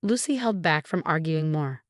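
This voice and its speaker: A woman reading a family drama story aloud in an even, measured way. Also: low voice, no room sound, studio quality. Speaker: story narrator. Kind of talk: scripted narration.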